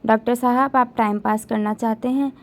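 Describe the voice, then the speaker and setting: Woman voicing a gentle pious young woman. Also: a little high, fairly even intonation, normal speed, lightly acted.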